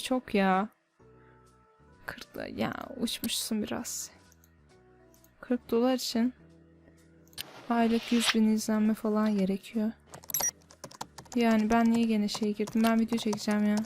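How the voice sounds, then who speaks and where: A woman giving casual gameplay commentary as a YouTuber, grumbling in exasperation as she reacts to the game. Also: a little high. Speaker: gaming YouTuber.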